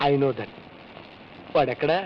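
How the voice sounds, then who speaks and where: An actor playing a blustering, bumbling police inspector who swaggers with threats and tosses in English phrases. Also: male voice, a little high, a little hiss or hum, full character voice. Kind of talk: film comedy acting. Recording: dull lo-fi film audio.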